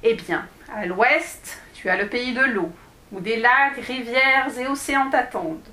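A woman's voice: on the high side, measured pace, pushed and bright. A woman voicing a friendly forest salamander who kindly explains and guides, recorded in an echoey room.

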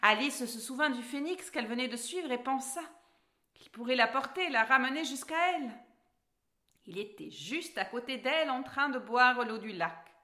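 A woman reading a children's storybook aloud in a slow, expressive way, stressing key words. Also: sits high.

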